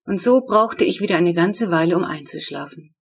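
A woman reading her own children's book aloud in lively storyteller narration. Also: lowish voice, moderate pace, breathy edge. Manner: lively storytelling, voicing the characters.

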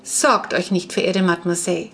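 A woman's voice: lowish voice, fairly even intonation, a little fast, fairly bright tone, a little hiss or hum. A woman reading the part of a polite vampire boy who slept for centuries, speaking in a courtly, archaic, wondering manner.

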